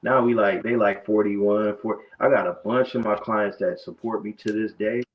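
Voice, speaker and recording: In a casual interview, the barber guest recounts his story in a loose, conversational manner, frequently restarting. He speaks at a moderate pace in a lowish voice with fairly even intonation, and the recording is dull, muffled and lo-fi.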